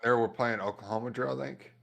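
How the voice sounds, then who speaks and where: A man's voice: mid-range voice, fairly even intonation, quick pace, vocal fry, a bit bright. A young man co-hosting a podcast, telling stories in an easygoing, slangy way and laughing often. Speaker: podcast co-host. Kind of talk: casual chat.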